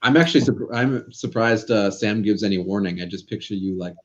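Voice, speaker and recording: A man's voice: lowish voice, fairly quick. A man making dry, wry remarks in casual chat at a watch party. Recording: dull lo-fi audio with faint noise.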